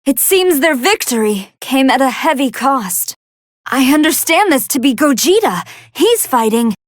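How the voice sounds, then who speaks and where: A woman voicing a polite, soft-hearted female android scientist who gives formal, earnest and expressive commentary on fights in a video game. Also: sits high, a little slow, dry recording, clean studio sound. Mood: composed, curious. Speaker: match commentator.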